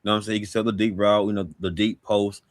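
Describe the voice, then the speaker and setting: A man's voice: lowish voice, flat delivery, racing, no echo, studio quality. A man co-hosting a casual sports talk show, asking pointed questions and repeating phrases.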